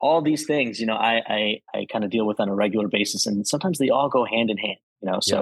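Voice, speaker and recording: Husky-voiced urologist explaining plainly. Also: male voice, lowish voice, quick pace, no echo, poor audio. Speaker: urologist guest. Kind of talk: explanatory interview answers.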